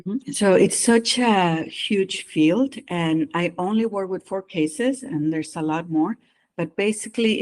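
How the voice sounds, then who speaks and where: Slightly mellow and medium in pitch, this voice belongs to an interview guest, a psychologist who performs immigration evaluations. With a mixed non-native English accent, they earnestly describe their work and speak frankly about what they've been through themselves.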